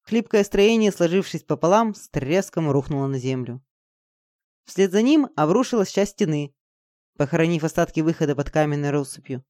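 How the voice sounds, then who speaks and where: A reader narrating a fantasy audiobook in an even, dramatic storytelling manner. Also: mid-range voice, moderate pace, dry recording, clean studio sound.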